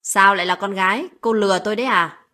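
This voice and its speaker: A woman voicing a harsh older mother-in-law who yells cold insults at her daughter-in-law in a spoken story. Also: a little high, fairly quick, breathy edge. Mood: contemptuous. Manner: shouting, cold and abusive.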